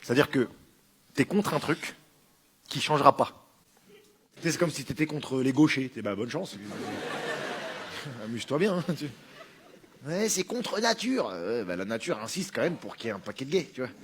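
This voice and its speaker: A man's voice: mid-range voice, big pitch swings, normal speed, fairly bright tone, slight background noise. A man performing a stand-up monologue in an informal, argumentative, sardonic way. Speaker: stand-up comedian.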